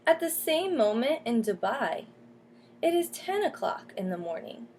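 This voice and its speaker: A teacher with a fairly high, sing-song voice and darkish tone reads a storybook to children at a measured pace. She breaks from the text to explain and to question her young listeners, while faint noise sounds behind her.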